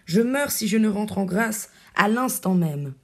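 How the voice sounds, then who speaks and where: A woman's voice: mid-range voice, animated, a little slow. A woman reading the part of a tongue-tied young male soldier in love, pleading and often whispering.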